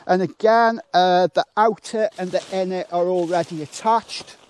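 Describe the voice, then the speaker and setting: A man casually demonstrating how to pitch a tent outdoors, chatting and thinking aloud with fillers, poking fun at himself. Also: fairly even intonation, moderate pace, a little hiss or hum. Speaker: motorcycle touring reviewer.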